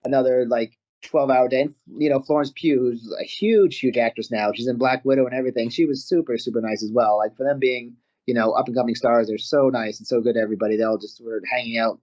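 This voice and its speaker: Canadian man telling animated stories. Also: mid-range voice, quick pace, few pauses. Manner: animated, laughs often mid-story. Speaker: guest wrestler. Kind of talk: casual interview storytelling. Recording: slightly muffled audio.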